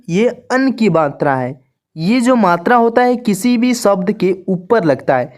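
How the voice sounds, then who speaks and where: A woman gives a slow, deliberate online lesson. She moves through each step at an unhurried pace, repeats each point and turns it into a question for her viewers. Her voice sits at an ordinary middle pitch. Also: darkish tone. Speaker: teacher. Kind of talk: slow classroom-style lesson.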